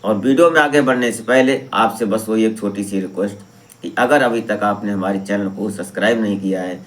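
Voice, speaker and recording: A man telling a true crime story in a soft, subdued storytelling voice. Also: fairly low pitch, a little fast.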